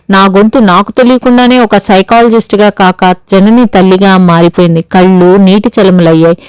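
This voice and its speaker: A woman narrates an audio story in a measured, expressive first-person reading. Her voice is smooth and resonant at a middling pitch. The sound is close and dry, with no room around it. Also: no room sound.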